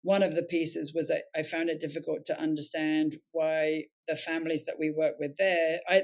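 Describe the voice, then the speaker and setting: In an interview, a nonprofit founder with an English accent tells her story in a low-sitting voice. She comes across as reflective and earnest, frequently correcting herself mid-sentence.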